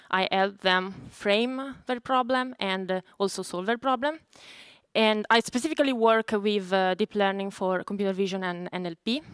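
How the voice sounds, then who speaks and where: An Italian woman, a native speaker with an Italian accent, presents at a conference as a data scientist, explaining things in a halting way. Her mid-range voice is smooth, and there's no room sound.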